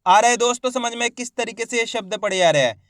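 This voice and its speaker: A man teaching Hindi reading, spelling words out syllable by syllable, slow and stretched, encouraging his viewers. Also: very high voice, fairly bright tone, dry recording, clean studio sound. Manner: encouraging, addresses viewers as friends.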